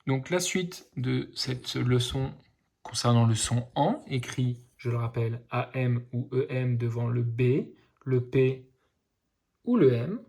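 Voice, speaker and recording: A man with a slightly husky voice speaks slowly and patiently, as if to young children. He is reading a lesson, sounding out each word carefully and saying it twice. His delivery is unhurried and clear in meaning. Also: mid-range voice, a little mellow. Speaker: teacher.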